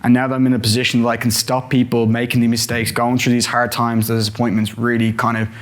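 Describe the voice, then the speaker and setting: A man's voice: medium pitch, completely flat delivery, fast talker. A man on a conference panel, reflecting on his career in an earnest way. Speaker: panelist, sales development manager. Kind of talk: panel discussion answer. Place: conference hall.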